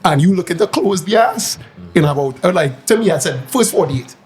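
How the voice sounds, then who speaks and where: A man's voice: high voice, animated, a little fast, husky. A man in his thirties in casual podcast chat, joking and boastful, laughing often. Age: 30s.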